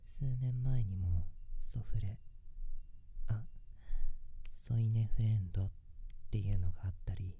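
A woman playing a gentle co-sleeping attendant in an ASMR role-play, with breathy, intimate, soothing pillow talk. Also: extremely low pitch, unhurried, pauses often, exaggerated voice. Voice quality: breathy, hushed. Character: gentle, soft-spoken co-sleeping shop attendant.

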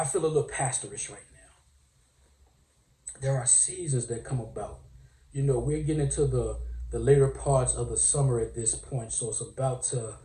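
A man's voice: mid-range voice, mellow. A man hosting a podcast, talking in a casual, rambling monologue with lots of fillers. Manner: rambling, self-aware, filler-heavy. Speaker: podcast host. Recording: roomy, distant from mic.

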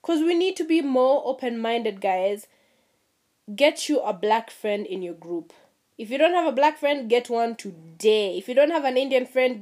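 Young woman from Kenya, casual vlog rant, fairly high voice, animated, swears a lot, quick mimicry. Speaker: vlogger.

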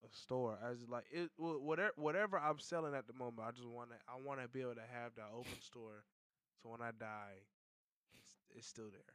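A young man hosts a casual podcast with his friends, medium-pitched and easygoing. He talks in a relaxed, joking way with plenty of swearing and laughter. The sound is close and dry, with no room echo. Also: fairly quick, clean tone. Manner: laid-back, profane banter with frequent laughs. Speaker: podcast host. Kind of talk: casual chat.

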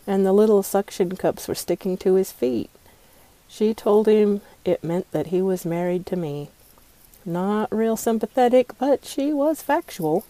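A woman tells comic stories about her life. Her delivery is wry and deadpan, with playful asides. Her voice is warm and mellow, recorded close in a dry space. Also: mid-range voice, no room sound. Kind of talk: humorous monologue.

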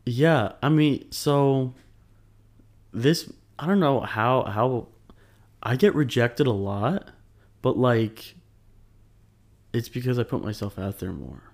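A man's voice: medium pitch, slow pace, pauses often, darkish tone. A man co-hosting a casual chat, stammering through many filler sounds and swearing freely. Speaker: podcast co-host.

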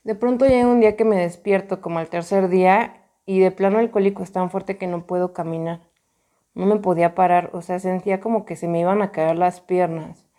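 A woman's voice: on the low side, fairly even intonation, a little fast, mellow. A young woman with a Mexican accent telling a personal story in a casual, slangy, emphatic way, often repeating herself. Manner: slangy, emphatic, many repetitions.

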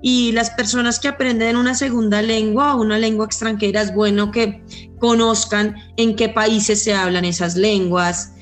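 A woman's voice: fairly high pitch, level tone, normal speed, soft background music. A woman from Colombia with a Colombian accent, an English teacher explaining her view fluently and earnestly with examples. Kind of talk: explanatory panel answer.

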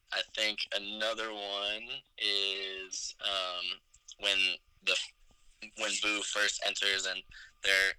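Twenties male co-host, low voice with a very bright, sharp edge, hesitant casual delivery. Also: smooth, no echo, poor audio. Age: 20s. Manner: hesitant, many ums, chuckles while recounting scenes. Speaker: podcast co-host. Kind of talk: casual movie review chat.

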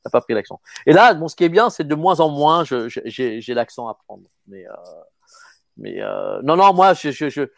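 A man's voice: a little high, very animated, creaky, no echo. Stammering man in his fifties, dry sound. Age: 50s. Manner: halting, stammering repetitions. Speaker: actor guest. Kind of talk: casual interview talk.

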